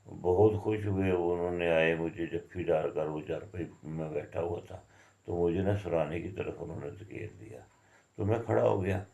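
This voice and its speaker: Man, dark mellow voice, herbal healer, rambling storytelling. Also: deep voice, gravelly. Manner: unhurried, rambling, folksy. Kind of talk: storytelling monologue to viewers.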